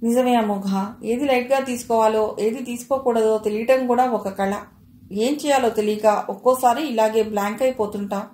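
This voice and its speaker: A sympathetic young woman friend, voiced by a woman narrator, consoling and encouraging. Her voice is slightly high. The room adds echo. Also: steady tone, moderate pace, warm tone, natural voice. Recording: roomy echo.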